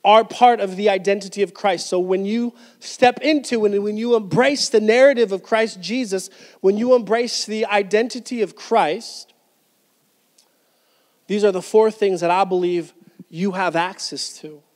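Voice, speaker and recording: A man's voice: high-pitched, measured pace, a little mellow. A man in his thirties preaching a sermon on a church stage into a handheld mic, with emphatic delivery and frequent restarts. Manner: emphatic preaching with repeated restarts, gesturing while speaking. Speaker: pastor. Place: church stage, indoors, medium-sized hall. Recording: hall with long reverb.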